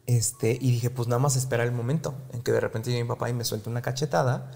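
Gravelly Mexican man telling a story. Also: mid-range voice, quick pace. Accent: Mexican Spanish. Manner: lively retelling that acts out family dialogue. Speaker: guest. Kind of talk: casual storytelling interview.

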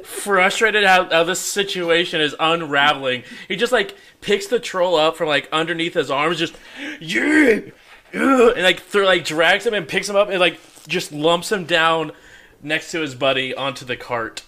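A man's voice: a little high, normal speed, pushed and bright. A man narrating as game master of a tabletop game in loose, casual speech full of fillers.

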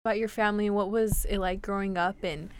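A woman's voice: medium pitch, fairly even intonation, brisk, clear, resonant tone, dry recording. A woman interviewing a guest in a casual chat, talking in a chatty way and often trailing off mid-sentence.

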